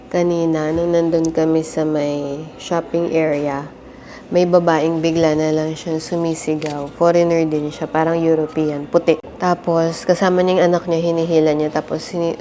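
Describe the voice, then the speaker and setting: This travel vlogger has a deep voice with a darkish tone. Chatting to her viewers and often calling them "guys," she casually shows a hotel laundry room and a convenience store during a family trip, recorded on noisy handheld audio.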